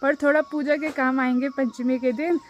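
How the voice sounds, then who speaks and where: This lo-fi clip, with slight background noise, features a young village lifestyle vlogger from the Uttarakhand hills of India. Her high voice keeps a fairly even intonation and a moderate pace as she chats casually with viewers, like friends, from a hillside farm field.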